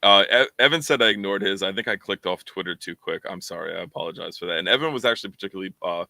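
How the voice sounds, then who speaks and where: A man with a deep voice and a forceful, bright edge talks through a casual fan podcast chat. He rambles, doubling back on words and leaning on fillers. The sound is dry and close. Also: rapid-fire, gravelly, dry recording. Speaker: podcast co-host.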